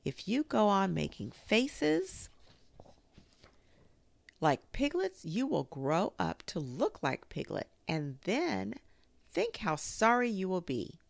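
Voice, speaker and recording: A woman voicing a brisk, motherly female kangaroo in a storybook, coaxing and fussing cheerfully but firmly. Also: lowish voice, very animated, vocal fry, dry recording, pitched above the performer's own voice, full character voice. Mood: severe, scolding.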